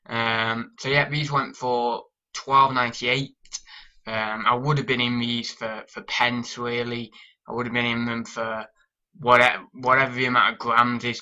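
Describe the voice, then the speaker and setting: An online reseller vlogger, a young British man with a cold, sniffles his way through a casual sales update. His voice is medium in pitch with a sharp tone, and the recording's highs are cut off. He keeps rambling, filling it with ums and starting over.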